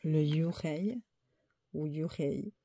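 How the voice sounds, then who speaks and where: A woman who reads oracle cards, slowly listing the card names one by one and unsure how to say some of them. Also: low-pitched, dark tone, breathy edge. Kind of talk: slow card-deck walkthrough.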